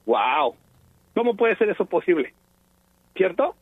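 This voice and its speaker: A man's voice: high voice, big pitch swings, measured pace, husky, dry recording. A Mexican man calling in to a radio show, speaking passionately and hesitantly with many fillers. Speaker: radio caller. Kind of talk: phone-in call to a radio show. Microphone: telephone. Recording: tinny phone line.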